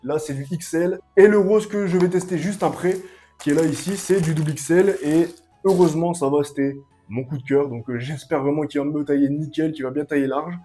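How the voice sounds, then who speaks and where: A young man giving a casual, excitable clothing review at home, full of slang and hype. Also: a little high, fairly quick, faint music behind. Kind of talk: casual product review vlog. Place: at home, sitting and standing up to show clothes.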